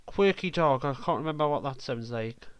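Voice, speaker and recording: A man's voice: mid-range voice, animated, normal speed, clean tone, no echo. A man vlogging while he edits a track, rambling playfully and mouthing out beat sounds as he goes. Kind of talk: casual commentary while editing music.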